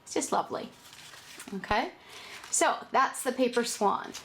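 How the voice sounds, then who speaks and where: A woman's voice: a little high, lively intonation, measured pace, a bit bright, a little hiss or hum. A woman hosting a paper-folding tutorial, talking casually with fillers and restarts. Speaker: origami tutorial host.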